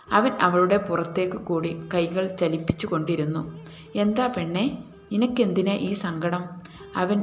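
A woman's voice: fairly low pitch, roomy sound. A woman with a Malayali accent reading a romance story aloud, voicing both the husband and the wife in the dialogue. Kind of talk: scripted romance narration.

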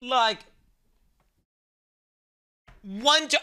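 A man's voice: very high-pitched, extremely slow, clean tone. A foul-mouthed, exasperated man doing a live gameplay rant as a game streamer. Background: loud game music.

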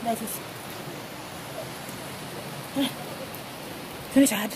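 Heavy background noise surrounds this young vlogger on a waterfall hiking trail. With a Ghanaian English accent and a slightly high voice, she speaks slowly and breathlessly, exclaiming and encouraging herself as she films on a handheld camera.

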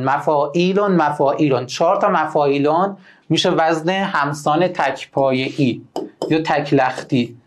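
Young guy teaching poem meter, slightly high voice, chants syllables slow then talks fast. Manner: chants meter feet slowly, then explains quickly. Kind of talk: online lesson on Persian poetic meter.

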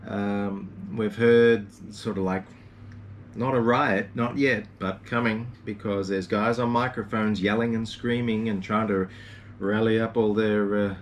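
Low-voiced man rambling casually on a boat. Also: unhurried, distant mic, slight background noise. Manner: relaxed, rambling, with frequent ums and uhs. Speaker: sailing vlogger. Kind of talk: casual video update. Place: small boat cabin, indoors.

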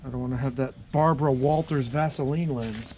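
A man's voice: medium pitch, brisk, a little mellow, slight background noise. A man casually talking through his motorcycle camera setup outdoors, chatting to himself as he fiddles with gear. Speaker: motovlogger.

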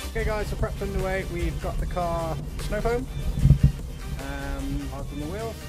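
A man's voice: high voice, expressive, a little slow, loud music behind the voice. A man in his thirties hosting a casual vlog, upbeat and talking to viewers. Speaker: vlog host. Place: inside a car and outdoors at a car wash.

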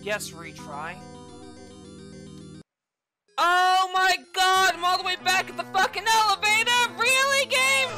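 A woman's voice: very high voice, very animated, slow pace, pauses often. A young woman raging at a video game as she streams, exclaiming in exasperation and swearing heavily. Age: young adult. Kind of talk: gaming commentary with heavy swearing. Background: video game music.

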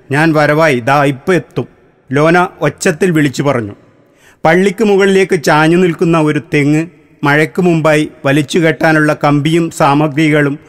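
A man reading a literary short story aloud in a measured, deliberate narration. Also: on the high side. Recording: long hall reverb.

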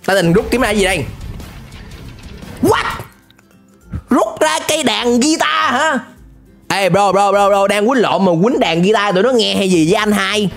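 A man gives excited reaction commentary, often shouting and dropping English exclamations. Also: high voice, normal speed, vocal fry, pauses often, over music. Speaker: YouTuber reacting to an animated series.

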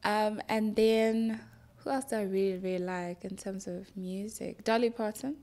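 A woman's voice: medium pitch, fairly even intonation, normal speed, dark tone. Thoughtful young woman guest. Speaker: musician guest. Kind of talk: casual interview chat. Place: small studio room. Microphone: desk mic on boom arm.

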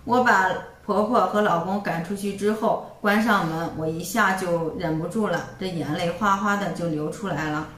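A woman's voice: fairly low pitch, fairly bright tone, roomy sound, recorded from a distance, a little hiss or hum. A young woman narrating her own story in the first person, in a plain, conversational way.

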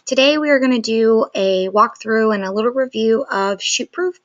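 With a sore throat that makes talking hurt, a photographer in her thirties casually reviews software to camera in a screen recording with webcam. Her voice is a little high and moderately paced, with the highs cut off. She chats loosely, saying "like" often.

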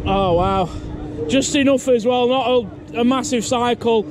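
A man's voice: extremely high pitch, a little slow. A man seated on an outdoor fairground ride, chatting casually to viewers as a vlogger. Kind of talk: casual vlog commentary. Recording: noisy outdoor fairground with crowd.

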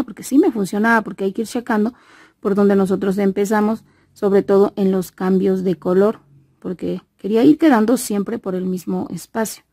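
A woman's voice: mid-range voice, dark tone, no echo, studio quality. A Mexican woman giving a casual tutorial, with a slight lisp and mouth-full articulation. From Veracruz, Mexico. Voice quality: lisp after molar extraction. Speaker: crochet instructor and host.

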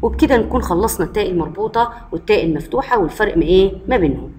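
A woman's voice: medium pitch, lively intonation, very fast, mellow. A woman with an Egyptian Arabic accent, a primary school teacher giving a recorded lesson to first graders and answering her own questions patiently. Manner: patient, asks the class questions and answers them herself.

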